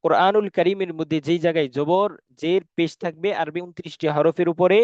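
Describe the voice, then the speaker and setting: A man teaching Quran reading in an online class, drilling sounds slowly and answering his own questions. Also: a little high, darkish tone, no echo. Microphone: online call. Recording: dull, dry online class audio.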